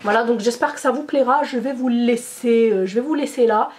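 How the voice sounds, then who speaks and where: A woman's voice: on the high side, brisk, darkish tone, a little hiss or hum. A woman chatting casually to her followers as a beauty and lifestyle vlogger. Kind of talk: casual vlog chat to followers.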